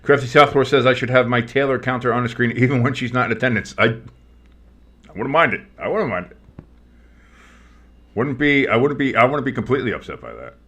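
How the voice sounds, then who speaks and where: A male sports streamer with a mid-pitched voice that comes across tinny, as recorded in a kitchen. He calls plays and chats casually in between, with a blunt, sardonic manner. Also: expressive, fairly quick, long pauses, a bit bright. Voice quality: tinny sound. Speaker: sports play-by-play commentator and stream host. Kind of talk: play-by-play commentary mixed with casual chat. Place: kitchen, not a studio.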